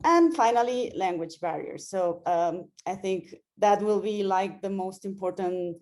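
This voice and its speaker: Female guest speaker heard over a video call; warm, mellow tone, friendly and a bit hesitant. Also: mid-range voice, unhurried. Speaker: guest speaker, operations lead. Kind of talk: webinar presentation.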